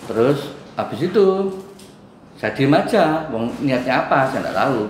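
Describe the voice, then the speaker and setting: Animated East Javanese man telling his grievance. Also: mid-range voice, normal speed. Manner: acts out quoted arguments, switching into Javanese. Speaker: resident in a neighborhood dispute. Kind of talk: animated retelling to a mediator. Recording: echoey room with faint background hum.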